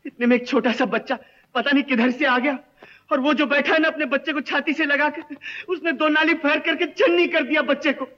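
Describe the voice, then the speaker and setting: An actor playing a desperate young village informant who pleads, swears oaths and speaks emotionally, in an old film melodrama. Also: male voice, very high voice, fairly even intonation, a little fast, sharp tone. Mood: accusing. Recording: dull old film soundtrack.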